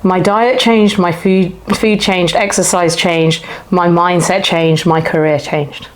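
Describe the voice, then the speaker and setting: A woman's voice: on the low side, steady tone, takes it slowly. A woman in her forties, a guest on an interview show, telling her personal story in a candid, reflective way. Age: 40s. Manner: reflective, open, speaks in short flowing phrases.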